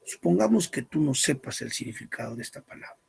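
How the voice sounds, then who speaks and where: A man's voice: mid-range voice, sing-song, a little fast, creaky, darkish tone, slight background noise. A man teaching a language class, asking questions and then answering them himself, with a firm stress on the key terms. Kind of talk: classroom lecture.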